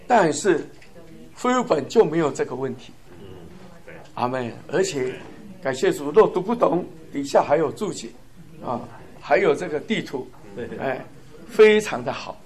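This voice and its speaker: A man's voice: on the high side, lively intonation, a little slow, pauses often, a little mellow. A man giving a fervent sermon-style testimony, chuckling often and stressing points in lists. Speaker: church speaker.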